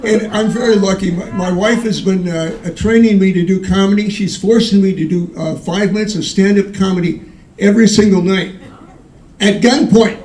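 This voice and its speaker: High-pitched corny borscht belt stand-up comic. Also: male voice, fairly even intonation, normal speed, a little mellow. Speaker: stand-up comedian. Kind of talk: stand-up comedy, old-fashioned one-liners. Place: live comedy show before an audience. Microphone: far from the recording mic. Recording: distant echoey live room with audience noise.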